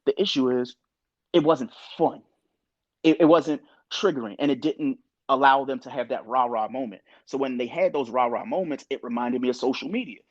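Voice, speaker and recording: A young adult man co-hosting a podcast, talking in an animated, opinionated way and sometimes quoting others. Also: medium pitch, normal speed, dry recording, highs cut off. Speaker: podcast co-host. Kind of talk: casual podcast discussion.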